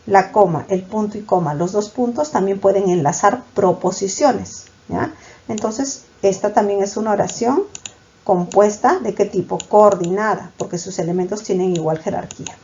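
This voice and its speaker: Woman teacher, mellow voice, muffled lo-fi recording, explains in patient steps. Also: medium pitch. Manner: explains step by step, often checks understanding with quick questions. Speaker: language teacher. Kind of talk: classroom lecture.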